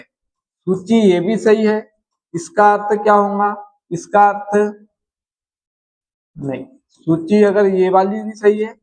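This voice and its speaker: Slow, high-voiced male grammar teacher. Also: darkish tone, rough recording. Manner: explains word by word, often checks in with "है ना". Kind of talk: slow spelling-correction lesson.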